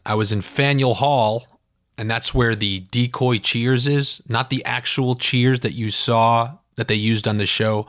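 A man's voice: on the low side, fairly bright tone, no echo, clean studio sound. Sarcastic New man ranting. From New York. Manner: sarcastic, ranting, self-deprecating. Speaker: podcast host. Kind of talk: solo comedic podcast monologue.

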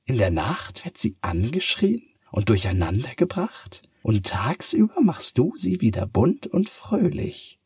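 A man's voice: medium pitch, wildly swooping pitch, darkish tone, husky, dry recording, clean studio sound, pitched above the performer's own voice, heavily acted. A man voicing a sly, kind talking cat from the moon in a bedtime story, purring and teasing. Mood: gentle. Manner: purring, drawn-out teasing delivery.

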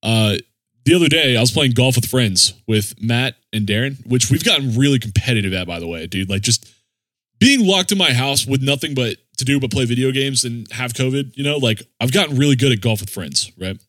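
A man's voice: medium pitch, animated, a little fast, a bit bright, no room sound. A man chatting casually as a music podcast host in slangy, swearing bro talk. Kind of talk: casual chat.

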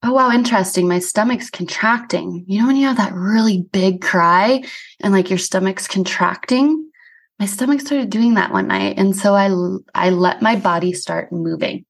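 A woman's voice: medium pitch, moderate pace. Woman podcast host and bodywork practitioner; earnest, casual, reflective solo talk, filler-heavy. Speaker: somato-emotional release practitioner. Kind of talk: reflective personal monologue.

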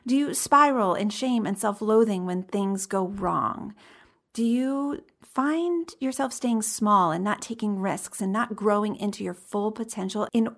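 A woman's voice: mid-range voice, vocal fry. A woman hosting a podcast as an encouraging, upbeat life coach, chatting directly to her listeners.

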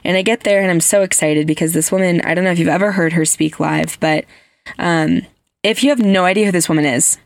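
A woman's voice: on the low side, brisk, no room sound. A woman hosting a podcast, telling stories in casual, gushing chat with lots of "like" fillers. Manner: chatty, heavy use of "like" fillers; earnest, gushing storyteller. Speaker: podcast host.

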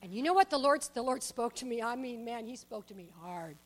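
Lady preacher, high voice, storytelling sermon, goes loud then hushed, laughs a lot. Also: brisk. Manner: animated storytelling, laughs often, swings from loud bursts to soft asides.

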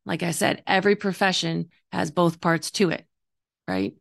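A woman with a gravelly, slightly hoarse voice talking earnestly and reflectively as a coach hosting a solo podcast, explaining her views. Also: lowish voice, moderate pace. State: voice partly gone, slightly hoarse. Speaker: intuitive coach and podcast host.

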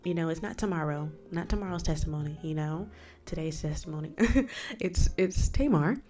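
A woman with a low voice hosts a casual faith podcast, talking in a chatty, rambling way and turning often to address the listener. A slight lisp from a new retainer colors her words, and faint music plays behind her. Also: brisk, mellow. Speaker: podcast host.

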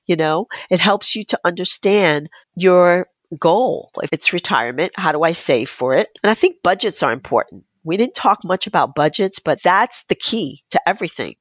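A woman's voice: fairly low pitch, lively intonation, normal speed, no echo, studio quality. A woman speaking as an interview guest, explaining advice conversationally in a plain-spoken, emphatic way. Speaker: financial advisor, interview guest.

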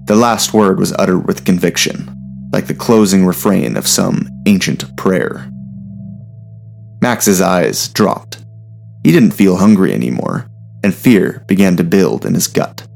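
Low, gravelly male storyteller. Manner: steady, measured reading. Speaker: narrator. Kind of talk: storybook narration.

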